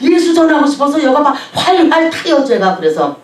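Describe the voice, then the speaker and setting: Brief: middle-aged woman pastor, chatty sermon storyteller, bright lively pitch, echoey hall, mic at a distance. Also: moderate pace. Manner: lively, chatty, laughs while telling stories.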